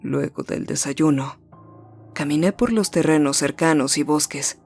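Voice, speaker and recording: A narrator reading a first-person horror story in a measured, suspenseful way, slowing down and dropping low at the tense moments. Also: a little mellow, slightly rough, soft background music.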